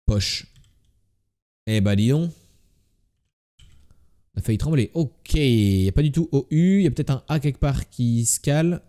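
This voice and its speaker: A man's voice: medium pitch, unhurried, long pauses, mellow. A man with a slight lisp on his s sounds, doing casual live game commentary as a streamer and muttering repeated word guesses to himself.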